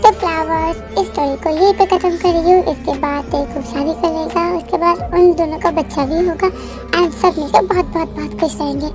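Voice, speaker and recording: A woman's voice: very high voice, steady tone, brisk, over music. A woman narrating a fan story in a chatty, casual voice-over, explaining things directly to her viewers.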